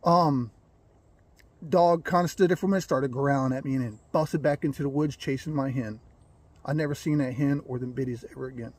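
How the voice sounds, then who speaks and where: A man telling a rambling, folksy story about his birds, clearing his throat now and then. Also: medium pitch, brisk, darkish tone, dry recording. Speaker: gamefowl breeder. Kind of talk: casual storytelling.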